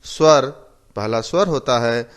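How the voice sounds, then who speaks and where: A male teacher giving a slow, methodical lecture, repeating each term and explaining it with simple examples. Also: medium pitch, clean tone. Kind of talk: recorded classroom lecture.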